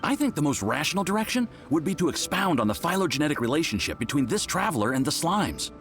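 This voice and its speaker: A man voicing an earnest, bookish young research assistant in an anime game, animated and scholarly. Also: fairly high pitch, fast, faint music behind. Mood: eager, earnest.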